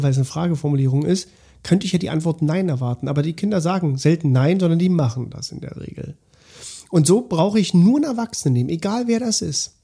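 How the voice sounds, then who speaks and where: A man in a relaxed podcast conversation, his voice husky and mellow. He thinks aloud as he goes, breaking off and restarting sentences. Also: on the high side. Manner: thinks aloud, restarts often, talks over his partner. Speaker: podcast co-host. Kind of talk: casual discussion podcast.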